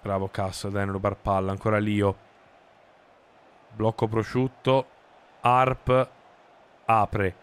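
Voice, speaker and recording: In an indoor streaming room, a male game streamer gives live commentary on a football video game, clearly audible with stadium ambience from the game behind him. His voice is lowish and fairly flat in pitch, and he talks slowly with many pauses, yet his delivery is emphatic and full of exclamations.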